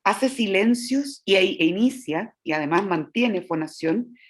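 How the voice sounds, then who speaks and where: A woman's voice: mid-range voice, expressive, measured pace, slightly rough. A woman teaching about the voice, explaining step by step and often checking in with her listeners. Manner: demonstrates vocal sounds. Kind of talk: lecture to teachers.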